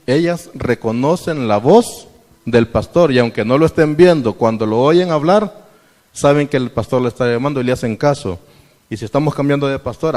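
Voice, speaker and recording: A man's voice: mid-range voice, a little mellow. Male lay preacher addressing his congregation, reverberant church hall. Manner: preaching with questions to the congregation and scripture readings. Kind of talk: sermon.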